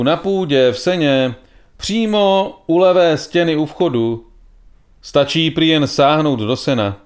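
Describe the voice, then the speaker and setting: A man narrating a story in a calm, measured reading voice. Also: mid-range voice, clear, resonant tone.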